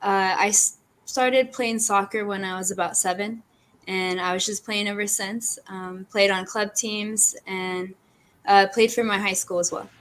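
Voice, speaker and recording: A woman's voice: medium pitch, steady tone, unhurried, a bit bright. A young adult woman, a team captain, answering casually in an interview.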